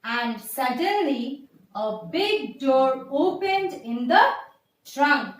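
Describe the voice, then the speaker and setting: A woman teacher reading a story aloud to young children in a slow, deliberate way, asking the class questions and going over each part again. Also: high voice, lively intonation. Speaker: schoolteacher. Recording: echoey room, voice from far off.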